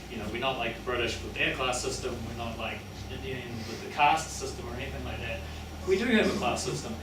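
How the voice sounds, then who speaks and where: A man with a New Zealand accent who talks like a working-class tradesman, matey and colloquial, rambling and correcting himself as he gives an informal public talk. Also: mid-range voice. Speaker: speaker giving a public talk on his research and book. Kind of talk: informal public lecture with audience questions. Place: indoor public venue with audience. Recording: echoey room, distant mic, clearly noisy.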